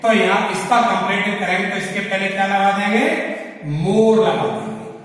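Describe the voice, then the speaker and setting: A man teaching an English grammar lesson in a classroom style, slowly spelling out and repeating words. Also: high-pitched, flat delivery, fairly bright tone. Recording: echoey hall, voice from far off.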